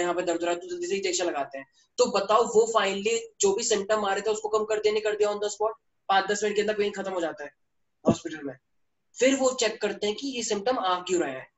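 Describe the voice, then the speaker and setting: A man's voice: sits high, recorded from a distance. Male teacher, playful and teasing, storytelling, echoey room, mic set back from him. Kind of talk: online class lecture.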